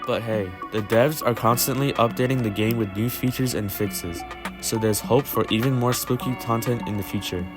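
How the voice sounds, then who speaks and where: A man's voice: mid-range voice, normal speed. Man narrating a game review over music. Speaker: video game reviewer and host.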